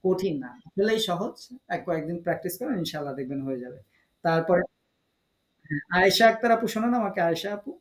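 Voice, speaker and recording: A high-voiced, animated man talks quickly as he teaches an online recitation class over video, his Bangladeshi Bengali accent clear. He quizzes students and corrects their pronunciation patiently and encouragingly, though the recording is rough and echoey.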